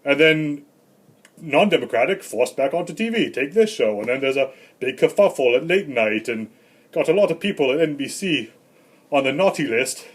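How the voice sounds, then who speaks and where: A man playing a rambling, grumpy old Santa Claus in a comedic vlog monologue, with deadpan, self-important asides. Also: fairly high pitch, moderate pace, slightly rough. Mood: grumbling. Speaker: comedy vlogger.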